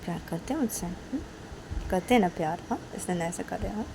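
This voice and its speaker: A woman's voice: a little high, animated, moderate pace, gravelly, background noise. A woman voicing a young female student who pleads and cries, repeating her questions in a whiny way, while telling a story. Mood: coaxing. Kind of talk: storytelling role-play.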